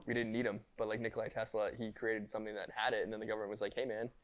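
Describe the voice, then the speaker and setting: A young man co-hosting a podcast, rambling through deadpan jokes in casual chat and swearing often. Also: on the low side, very fast. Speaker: podcast co-host.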